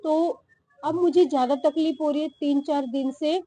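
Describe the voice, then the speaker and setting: A young woman vlogging from her garden, short of breath and talking slowly with pauses. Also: high-pitched, steady tone, mellow, no echo. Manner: slow, breathy-paced talk with pauses. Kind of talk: casual vlog talk to camera. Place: home garden outdoors.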